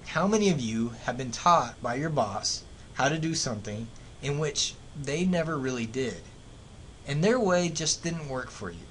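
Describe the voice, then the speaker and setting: An American man teaches economics in a professorial classroom-lecture style over slides, grounding ideas in everyday examples. He sounds expressive at a normal speed on a low-quality recording with clear background noise and a low rumble.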